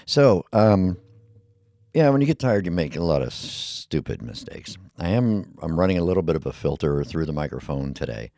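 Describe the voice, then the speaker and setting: Rumbly, gravelly bass-voiced male podcaster. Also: big pitch swings, moderate pace, warm tone, dry recording, clean studio sound. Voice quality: rumbly, low voice. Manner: mumbly, rambling, with many fillers. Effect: equalizer filter on the mic. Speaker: podcast host. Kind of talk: casual solo podcast monologue. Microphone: heavy dynamic podcast mic on a boom arm.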